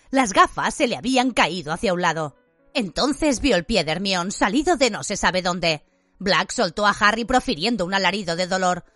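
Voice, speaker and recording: A woman narrating an audiobook in an expressive, vivid reading style. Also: medium pitch, no echo.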